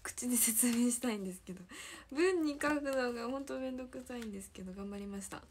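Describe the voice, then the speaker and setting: A teenage girl with a Kansai accent chats on a livestream in a fairly high voice, giggling as she reads viewer comments aloud. She repeats her own phrases in a chatty, playful way. A faint hiss sits under her voice. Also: fast. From Hyogo, Japan. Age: teens. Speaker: idol trainee livestreamer. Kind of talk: casual livestream chat reading viewer comments.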